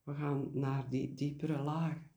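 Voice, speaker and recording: A man leads a guided meditation in a soft-edged, mellow voice. He speaks very slowly and deliberately, leaving pauses and repeating key words. The room adds a noticeable echo around him. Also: a little high, level tone, vocal fry. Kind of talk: guided meditation, spoken reflection.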